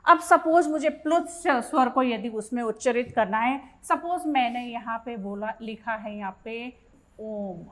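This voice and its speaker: Speaking at a measured pace in a fairly high pitch, a woman leads a Hindi grammar lesson aimed at exam preparation. Each question gets read out, followed by a step-by-step explanation of the answer.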